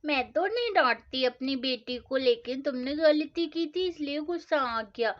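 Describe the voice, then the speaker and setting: A woman doing a loud, scolding mother. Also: high voice, expressive, moderate pace. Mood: caring. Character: strict but loving mother, scolding. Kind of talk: storybook doll-play acting. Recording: dull lo-fi sound.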